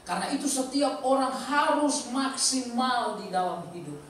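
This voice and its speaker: A man preaching a sermon with a Bible reading, animated, swinging between loud bursts and quiet asides. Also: very high voice, moderate pace. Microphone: handheld mic from a distance. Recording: echoey hall, distant mic, faint noise.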